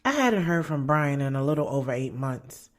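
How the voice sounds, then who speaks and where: Over background music, an actress with an American accent narrates in the first person as a blunt, sarcastic young woman writer describing her love life. The scripted audio drama delivery is slangy and conversational, her low voice sing-song at a normal speed. The mood is wry and candid.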